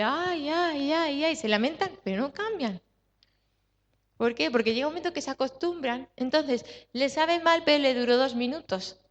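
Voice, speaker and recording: A woman's voice: on the high side, a bit bright. A woman pastor with a Spanish accent from Spain preaching a sermon, stressing points with repetition and questions to the congregation. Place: church hall. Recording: dull sound with long hall reverb.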